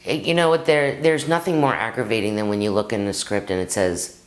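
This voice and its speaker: A middle-aged woman acting coach with an extremely low-pitched voice speaks briskly and straight to the camera. She is lively, calls her viewers "guys," and acts out anecdotes from her own life during the lesson.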